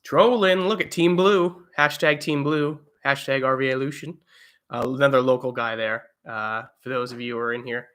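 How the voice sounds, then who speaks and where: Young man, livestream host, casual rambling chat, bright clear tone, talking from home. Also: mid-range voice, normal speed. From eastern United States. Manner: rambling, lots of fillers and restarts. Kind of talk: casual live chat reading viewer comments. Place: home, indoors.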